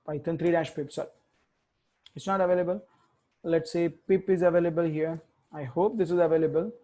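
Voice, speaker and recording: This tech instructor mutters through a live coding tutorial, thinking aloud and revising himself as he enters commands. He talks a little fast in a slightly high, mellow voice with a steady tone.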